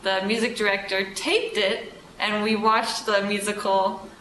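A woman's voice: medium pitch, little pitch movement, unhurried, pushed and bright. Woman in her twenties, wry tone, echoey room, mic at a distance, noise. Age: 20s. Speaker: interviewee. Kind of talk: casual anecdote.

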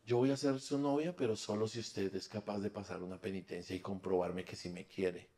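A man's voice: low voice, fairly even intonation, fairly quick, mellow, lightly acted. Man doing a snobbish rich schoolgirl. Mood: scheming. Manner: scornful, bossy.

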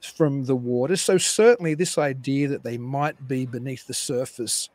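A man guest historian explaining at length on a live call-in show, animated and digressive with frequent restarts. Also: mid-range voice, normal speed, no room sound.

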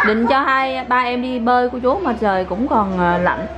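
A young mother filming a casual family vlog at home, playfully coaxing and praising her children as they eat. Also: on the high side. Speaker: mother and vlogger. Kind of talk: casual family vlog, talking to kids and viewers. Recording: loud background noise.

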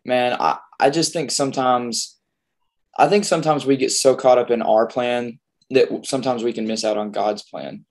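A man's voice: mid-range voice, steady tone, moderate pace, a little mellow. A young man hosting a casual chat, laid-back and slangy, joking often. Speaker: host.

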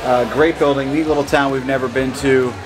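A middle-aged man co-hosting a motorcycle vlog, laid-back and quick to agree, talking in short remarks. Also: medium pitch, little pitch movement, background noise. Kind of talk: casual chat reviewing a brewery. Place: indoors in an old bank vault, later outdoors. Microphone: phone camera at arm's length.

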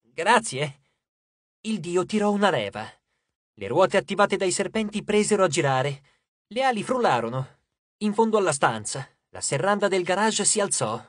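An expressive audiobook reader telling a fantasy adventure in a measured, storytelling cadence. The voice sits in the middle of the range and is recorded close and dry, with no room sound. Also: mid-range voice, no room sound. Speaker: audiobook narrator. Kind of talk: scripted audiobook narration.

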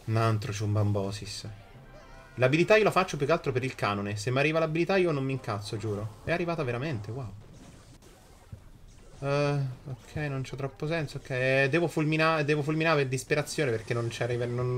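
A man gives live game commentary in an emphatic style. He repeats words for stress and peppers his talk with crude swearing. His voice sits at a medium pitch, with faint noise in the room. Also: a little fast. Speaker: game streamer. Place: small indoor streaming room.

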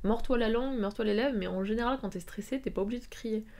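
A woman's voice: fairly high pitch, fast, darkish tone. Woman reading aloud with sarcastic asides. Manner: reads with frequent sarcastic asides and laughs. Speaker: streamer reading a story. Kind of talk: live read-aloud with sarcastic commentary.

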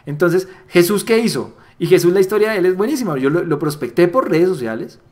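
Brief: male trainer, slightly high voice, animated and persuasive, hammers home key lines. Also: fairly quick. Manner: animated, acts out little dialogues with voice shifts; repeats key phrases for emphasis. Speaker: network marketing trainer. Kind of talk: motivational sales training talk.

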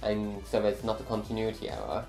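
A man's voice: lowish voice, expressive, brisk, creaky, a little mellow. A young man chatting as guest about making a film, hesitant with many fillers. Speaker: co-filmmaker, guest. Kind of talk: casual behind-the-scenes chat. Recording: roomy echo, faint music.

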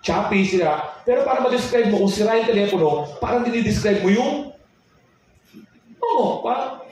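A man with a rather high voice doing stand-up comedy, acting out conversations as he tells his stories. The sound is heavily echoey and distant, recorded live in a large room with audible background noise. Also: animated, a little mellow. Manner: storytelling with quick acted-out dialogue. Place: comedy venue with live audience. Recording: echoey live venue audio from far off, noisy.

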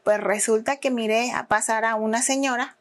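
A woman with a Mexican Spanish accent, a podcast guest telling a story in casual chat. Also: moderate pace. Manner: animated, acts out quoted people in higher voices.

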